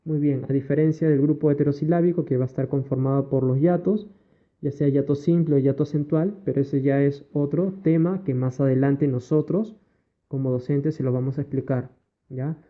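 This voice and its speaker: Man, Peruvian Spanish accent, primary school teacher, slide lesson, patient step-by-step explaining, frequent check-ins, a bit high-pitched, narrow tinny audio. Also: steady tone, fairly quick. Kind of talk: recorded online lesson over slides.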